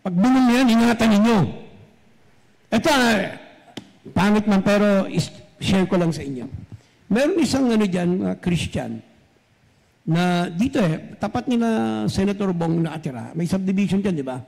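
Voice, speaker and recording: A man's voice: high-pitched, lively intonation, normal speed, vocal fry, long pauses, a little mellow. A man preaching a sermon as pastor, speaking straight to his congregation and switching between Tagalog and English. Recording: long reverb from a large hall.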